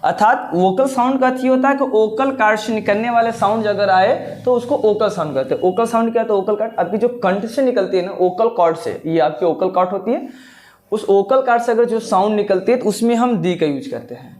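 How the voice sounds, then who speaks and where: A man's voice: sits high, a little fast, a little mellow. Man teaching step by step. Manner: explains step by step, repeats words, asks rhetorical questions. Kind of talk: grammar lesson.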